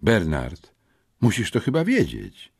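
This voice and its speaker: A man's voice: lowish voice, wildly swooping pitch, slow pace, gravelly, breathy edge, pitched above the performer's own voice, exaggerated voice. A man voicing an anxious, eager teenage boy in an audiobook, pressing urgently. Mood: prodding. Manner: urgent, pleading. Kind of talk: audiobook character voice.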